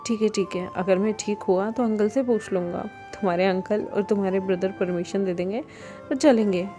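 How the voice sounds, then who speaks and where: A woman voicing a playful young man who teases and scolds gently. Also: medium pitch, fairly even intonation, normal speed, soft background music, lightly acted. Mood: chiding.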